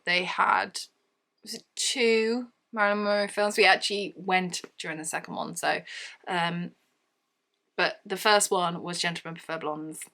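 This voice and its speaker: A woman's voice: mid-range voice, pushed and bright. A woman, chatting casually about her books on a vlog, rambling and correcting herself as she goes. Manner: chatty, rambling, self-correcting, laughs often. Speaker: book vlogger.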